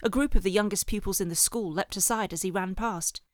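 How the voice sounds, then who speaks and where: A woman narrating a children's audiobook in a measured storytelling manner with lively phrasing. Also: medium pitch, no echo, clean studio sound. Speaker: audiobook reader. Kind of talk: scripted narration.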